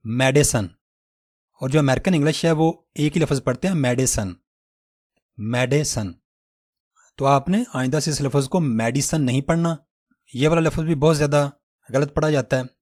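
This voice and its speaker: A man's voice: on the high side, darkish tone, no echo, clean studio sound. Pakistani man teaching careful pronunciation. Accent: Pakistani Urdu. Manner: slow, careful demonstration of words. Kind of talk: scripted pronunciation lesson.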